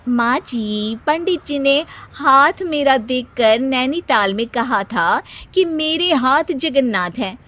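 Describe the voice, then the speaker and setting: A woman's voice: sits high, animated, slow, few pauses, fairly bright tone, heavily acted. A woman playing a proud, bossy young daughter-in-law in a family comedy story, boastful and scolding.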